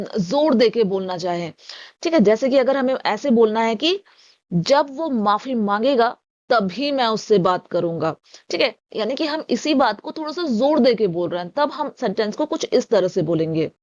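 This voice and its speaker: Lady teaching english grammar, kinda high voice, reads examples out real slow, slightly dull audio. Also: a little mellow. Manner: explains patiently, reads example sentences slowly and deliberately. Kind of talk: spoken English lesson.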